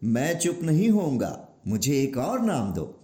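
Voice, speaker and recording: A man voicing a stubborn divine boy who keeps demanding names, speaking slowly and insistently in a storybook telling. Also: medium pitch, very animated, mellow, echoey room. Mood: defiant. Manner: slow, insistent, defiant. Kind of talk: storybook narration.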